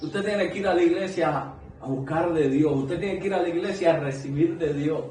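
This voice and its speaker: A man's voice: fairly high pitch, normal speed, darkish tone, slight background noise. A man preaching a sermon to a small congregation, earnest and conversational, asking many rhetorical questions. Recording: echoey room, mic at a distance.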